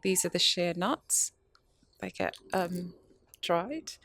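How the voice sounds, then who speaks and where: A woman's voice: fairly low pitch, lively intonation, slow, gravelly, fairly bright tone. A woman, a guest in a casual interview, explaining at length with many ums. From North London, UK. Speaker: guest, skincare business founder.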